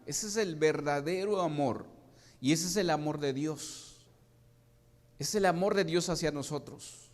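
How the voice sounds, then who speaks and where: A man preaching a sermon to his congregation, often asking them questions and restarting his phrases. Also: fairly high pitch. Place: church hall. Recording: long hall reverb.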